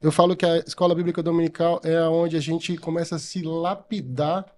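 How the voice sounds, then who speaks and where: A man's voice: fairly high pitch, fairly even intonation, fairly quick, darkish tone. A man who coordinates a Sunday school, earnestly telling his faith story in a podcast interview. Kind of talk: casual testimony in a podcast interview.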